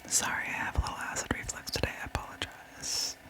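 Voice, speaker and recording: In ASMR style, a woman whispers a true crime story, her delivery soft, breathy and unvoiced as she tells it deliberately.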